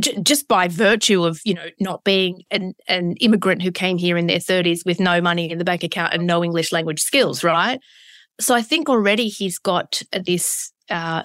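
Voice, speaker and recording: A woman's voice: fairly low pitch, a bit bright, no room sound, studio quality. A woman in her thirties with a broad Australian accent, speaking candidly and emphatically as an interview guest, reflective and conversational. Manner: candid, emphatic, piles up synonyms.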